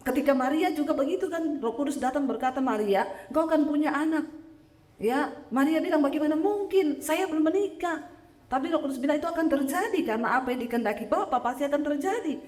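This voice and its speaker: Woman preacher, high voice, lively testimony sermon, joking with the congregation, echoey church hall. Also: fairly quick.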